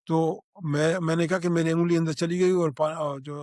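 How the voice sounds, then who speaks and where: An older man from Pakistan, giving an eyewitness recollection in a halting way, with restarts and fillers. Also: a little high, fairly even intonation, a little mellow, no room sound, studio quality. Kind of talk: spoken recollection.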